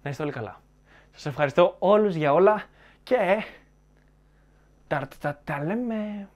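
A man's voice: sits high, animated. A man giving opinionated film commentary to viewers, arguing his points in a sarcastic, argumentative way.

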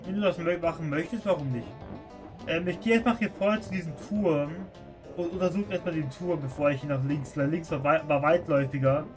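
A man's voice: on the high side, fairly quick. A man giving casual live commentary as he plays a game on stream. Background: video game music.

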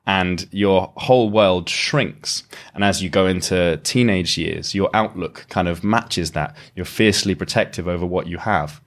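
A man's voice: sits low, measured pace, few pauses. A man, a lyricist, talking reflectively as a podcast guest and explaining his ideas at length with frequent restarts. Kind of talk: reflective conversational interview.

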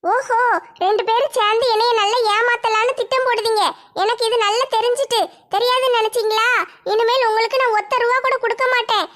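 A woman's voice: very high-pitched, steady tone, fairly quick, fairly bright tone. A woman voicing a stubborn, defiant young woman in a comedy sketch. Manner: defiant, scolding.

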